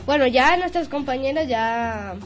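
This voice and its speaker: A woman's voice: sits high, a little slow, soft background music. A woman hosting a radio chat, loose and hesitant as she leads into each topic. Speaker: host of a school radio show. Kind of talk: casual chat.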